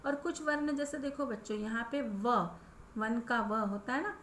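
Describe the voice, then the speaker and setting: A woman teaching children a grammar lesson, explaining patiently and saying each sound aloud, often checking in with a quick question. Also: on the high side, a bit bright. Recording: echoey room with faint ambient noise.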